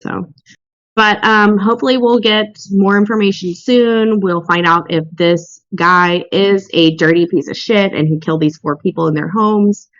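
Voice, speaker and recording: A woman hosting a casual true crime podcast chat, blunt and quick to swear. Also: mid-range voice, steady tone, a bit bright, no room sound, lo-fi sound. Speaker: podcast host.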